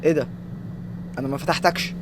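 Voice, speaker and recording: A man with an Egyptian Arabic accent narrates his horror game run at a quick clip, joking and bantering with the figures on screen. His voice sits a little high. A faint noise runs underneath. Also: steady tone. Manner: joking, talks back at the game. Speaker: let's play gamer.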